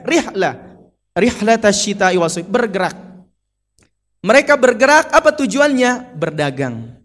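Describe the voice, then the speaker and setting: A man with a Sundanese accent preaching a lively, playful sermon to women at a mosque. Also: sits high. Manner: lively and playful, acts out quotes and mimics.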